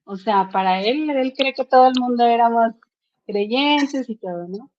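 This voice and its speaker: A woman talks with her book club, moving between telling an earnest personal story and reading a passage aloud. Her voice sits somewhat high and keeps breaking into fillers and restarts. The sound is dull and lo-fi, like a video call. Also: unhurried, a little hiss or hum. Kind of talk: casual chat and reading aloud.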